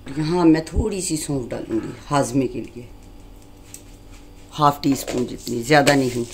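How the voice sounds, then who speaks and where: A woman hosting a home cooking demonstration, explaining each step calmly and patiently. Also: rumbling low, normal speed, noisy background. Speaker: cooking channel host. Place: home kitchen.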